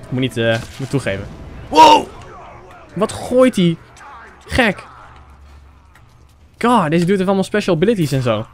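A young Dutch man giving excitable let's-play commentary, swearing and shouting at the game. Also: fairly high pitch, fast. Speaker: gaming YouTuber. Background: game music.

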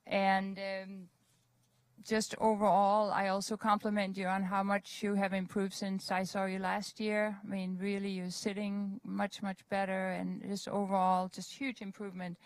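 A woman's voice: mid-range voice, level tone, unhurried, no echo, rough recording. A woman judge giving spoken feedback to a rider, encouraging and repeating words for emphasis.

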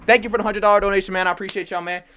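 A young man hosting a livestream, talking fast and slangy while thanking donors. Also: sits high, fairly even intonation, bright, forceful tone, slight background noise. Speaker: livestream host. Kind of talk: casual livestream chat.

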